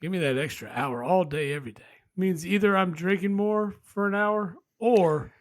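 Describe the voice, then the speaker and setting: A man's voice: high-pitched, normal speed, no room sound. A man co-hosting a casual sports podcast, brash and swearing freely as he rattles off predictions. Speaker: podcast co-host.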